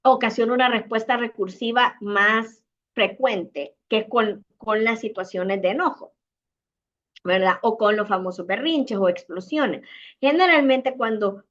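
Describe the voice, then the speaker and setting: A woman's voice: fairly high pitch, measured pace, muffled recording. A woman with a Salvadoran Spanish accent gives parenting advice in an online talk, speaking conversationally and acting out short dialogues between parents and children. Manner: warm conversational advice, acts out little dialogues.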